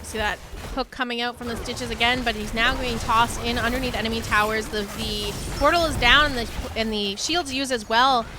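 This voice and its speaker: A woman's voice: fairly even intonation, brisk, few pauses, over music. A woman casting an online video game match, giving play-by-play with the hiccups, her voice jumping up on big plays. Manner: rises sharply in pitch and volume on big plays. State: has the hiccups. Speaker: esports caster. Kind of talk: play-by-play esports commentary.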